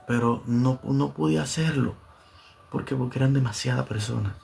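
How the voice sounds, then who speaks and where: A man's voice: mid-range voice, normal speed, gravelly, a little mellow, faint music behind. A man preaching a sermon as pastor, fervent and repeating phrases for emphasis.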